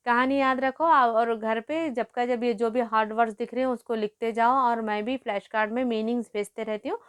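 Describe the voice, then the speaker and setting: A woman's voice: medium pitch, clear, resonant tone. A woman teacher explains a story to her pupils, repeating and glossing hard words and calling them "beta" as she goes.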